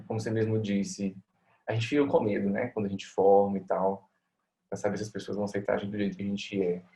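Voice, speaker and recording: Low-voiced Brazilian man, reflective. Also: darkish tone. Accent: Brazilian Portuguese. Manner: reflective, frequent tag questions. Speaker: family doctor, interview guest. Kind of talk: conversational interview answers.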